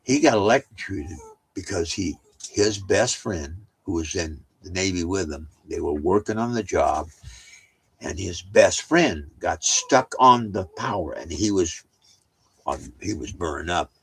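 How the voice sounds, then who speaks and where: A man's voice: deep voice, expressive, measured pace, fairly bright tone, husky, rough recording. An older man telling family stories at home in a rambling, casual way, with many restarts and side remarks. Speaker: storyteller.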